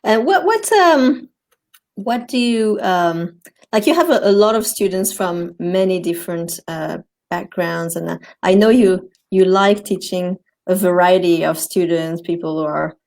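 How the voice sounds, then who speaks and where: A woman's voice: lowish voice, measured pace, vocal fry, a little mellow. A woman hosting a casual interview over a video call. She is friendly, laughs often, and fills her questions with many fillers and restarts. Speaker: interview host.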